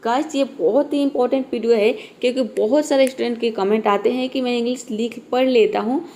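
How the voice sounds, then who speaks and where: A woman's voice: a little high, steady tone, quick pace, mellow. A woman teaching English spelling rules, explaining patiently and repeating each point with questions she then answers. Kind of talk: spoken English lesson.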